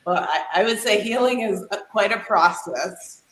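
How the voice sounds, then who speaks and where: A woman's voice: mid-range voice, normal speed, fairly bright tone. A woman guest talking about yoga and healing over a video call whose audio glitches and cuts out. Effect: glitchy audio cutting out. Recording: echoey room with faint noise.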